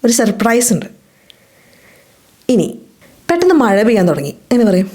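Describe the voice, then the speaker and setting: A woman with a Malayali accent teaching a spoken English lesson. She asks questions and answers them herself, and says the English example sentences slowly and clearly. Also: a little high, sing-song, darkish tone.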